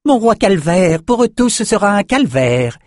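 A man voicing a squeaky, excitable runt of a male shaman who yelps with childlike glee. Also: moderate pace, no room sound, studio quality. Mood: gleeful. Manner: high yelping, childlike glee.

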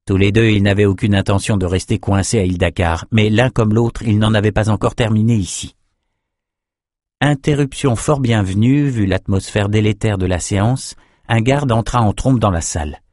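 A man narrating a fantasy novel as an audiobook in a measured storytelling voice. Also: on the low side, darkish tone, dry recording, clean studio sound.

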